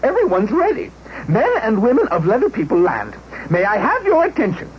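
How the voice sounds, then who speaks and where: Wildly swooping children's show announcer. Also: female voice, on the high side, huge pitch swings, fairly quick. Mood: grand, cheerful. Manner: theatrical, declamatory. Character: grand, excitable game-show announcer for children. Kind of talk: children's puppet show acting. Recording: muffled, hissy old TV soundtrack.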